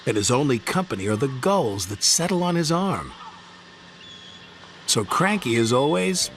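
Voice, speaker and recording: A man's voice: medium pitch, very animated, normal speed. A man reading a children's story aloud expressively, with music behind. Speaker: narrator. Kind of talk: storybook narration.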